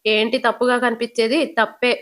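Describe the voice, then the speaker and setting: A woman voicing a sarcastic, quick-witted young husband in a retold TV serial, with mocking, teasing jabs. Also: fairly high pitch, little pitch movement, fairly bright tone, close to an everyday voice.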